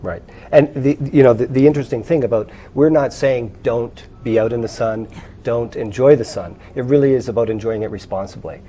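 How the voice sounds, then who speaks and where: A man's voice: mid-range voice, a little fast, dark tone. A man on a charity board, explaining his foundation in an earnest way with some fillers.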